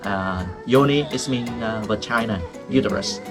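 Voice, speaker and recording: This tour guide is a man whose first language is Vietnamese, and he shows visitors around ancient temple ruins outdoors. His English is simple and broken, and he keeps joking and chuckling. He has a medium-pitched voice at a moderate pace, with background music.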